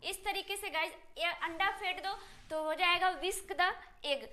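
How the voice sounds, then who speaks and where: Speaking with an extremely high, sharp voice over slight background noise, a woman teaches spoken English in Hindi. She asks questions of the class and then answers them herself, slowing down to spell out each English phrase.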